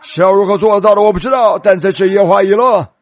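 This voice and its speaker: A man preaching a sermon, telling a story dramatically and slowing down for emphasis. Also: high voice, no echo.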